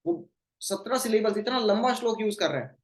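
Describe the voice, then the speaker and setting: A devotional scripture teacher with a mid-pitched voice, recorded in a roomy, echoing space. Sanskrit verses come out slow and measured, followed by explanations with English phrases woven in. Rhetorical questions close with a "hmm?". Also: animated. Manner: recites Sanskrit verses slowly, then explains them; mixes English phrases into the talk. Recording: roomy echo.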